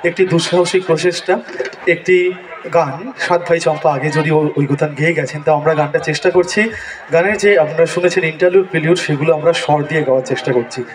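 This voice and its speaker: A man's voice: on the high side, fairly even intonation, a little fast, a crowd in the background. A man speaking as a music school presenter, giving a modest, informal introduction to a stage performance. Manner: modest, apologetic. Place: public carnival stage. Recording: distant stage PA, music behind.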